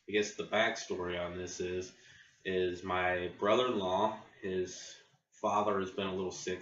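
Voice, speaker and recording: An American man chatting casually and in a rambling, unhurried way as he hosts a vlog from his garage on a laptop microphone. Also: low voice, fairly bright tone. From Ohio, United States. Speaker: video blogger, channel host. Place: home garage. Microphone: built-in laptop camera microphone. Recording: roomy, distant, muffled laptop mic with faint noise.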